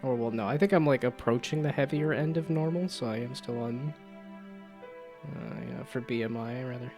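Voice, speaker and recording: A man's voice: medium pitch, normal speed, music in the background. A man doing casual, rambling game commentary as a streamer, jokey and thinking aloud.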